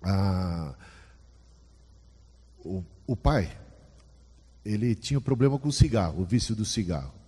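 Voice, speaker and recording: A man gives a sermon, chatting with the congregation and asking them questions. His voice is mellow and a little husky. It rings with the long echo of a church hall. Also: on the low side, animated, unhurried, long pauses. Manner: conversational, asks the audience questions. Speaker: preacher.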